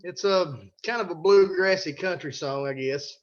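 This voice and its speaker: A man's voice: high voice, normal speed, highs cut off. A man chatting casually as a musical guest. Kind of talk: casual chat.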